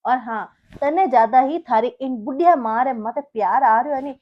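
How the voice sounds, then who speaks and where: Comic skit: a woman doing a rude, bossy Marwari husband, high voice, sneering questions. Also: normal speed, dull audio. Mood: domineering. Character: angry young husband, harsh, domineering.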